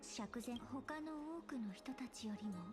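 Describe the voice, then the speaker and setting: A woman's voice: a little high, expressive, unhurried, music in the background. A woman voicing a solemn, polite young maiden burdened by duty in an anime game, speaking formally and with restraint. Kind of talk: Japanese anime game voice acting.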